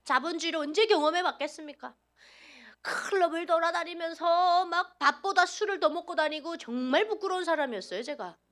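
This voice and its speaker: A woman from North Korea giving an animated, dramatic church testimony and acting out past scenes as she talks. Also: on the high side. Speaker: testimony speaker at a church service.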